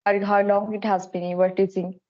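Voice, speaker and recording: Woman, from India, English tutor, slow careful speech, practice chat, dull call audio. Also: mid-range voice, little pitch movement. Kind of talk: casual practice conversation.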